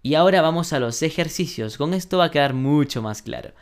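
A male English teacher gives a patient, step-by-step lesson, slowing down to pronounce each example and checking in with the class. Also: on the high side, animated, clean tone. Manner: patient, explains step by step with frequent "ujú" and "¿no?"; slows down sharply when pronouncing English examples. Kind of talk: online English lesson taught in Spanish.

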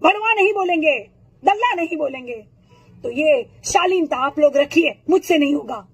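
A woman with a worn, hoarse throat rants at the camera in a high, strained voice. She is furious and accusatory, firing insults and rhetorical questions one after another. It is a raw, impassioned political outburst. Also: normal speed, low-quality recording.

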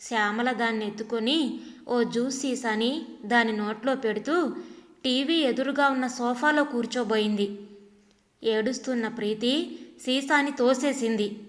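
A woman reading an emotional family story aloud as a scripted audio story narration, with a steady, emotive delivery. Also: on the high side, in a large hall.

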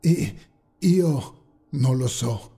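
A man's voice: fairly high pitch, takes it slowly, breathy edge. A man voicing a terrified young man in an audio horror story, pleading shakily and stammering. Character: terrified young man praying for his life. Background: faint dark ambient music.

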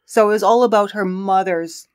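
On a casual true crime podcast, a co-host narrates the case in a relaxed, chatty manner, laughing a lot. She talks at normal speed in an ordinary middle pitch.

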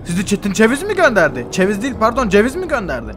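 Excitable, fast-talking young man. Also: high-pitched. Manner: excitable, exasperated, exclaiming. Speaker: gamer role-playing in a game. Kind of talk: comedic game role-play commentary.

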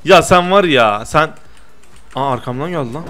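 A young man doing lively gameplay commentary, teasing his friend and protesting loudly to his viewers. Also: a little high, moderate pace. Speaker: gaming YouTuber.

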